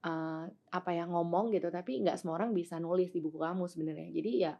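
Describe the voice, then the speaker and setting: A woman in her thirties from Indonesia, a podcast guest in casual chat, telling animated stories, acting out quoted voices and mixing in English phrases. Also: lowish voice, fast, gravelly, dull audio. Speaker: podcast guest, influencer and entrepreneur.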